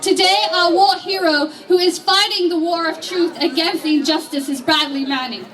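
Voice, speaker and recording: A young woman speaks at an outdoor protest rally in a very high, voice, earnest and emphatic, stumbling now and then out of nerves. She is picked up from some distance away, with a faint crowd murmuring behind her. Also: normal speed. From Iraq. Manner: earnest, emphatic, with slight nervous restarts. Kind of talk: outdoor rally speech, partly read from notes.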